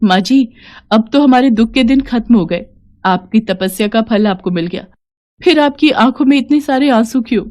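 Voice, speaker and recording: Woman plays a young daughter-in-law in a cartoon story, bright and emotional. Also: fairly high pitch, normal speed, voice pushed up, close to an everyday voice. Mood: grateful. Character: young daughter-in-law officer, proud then remorseful.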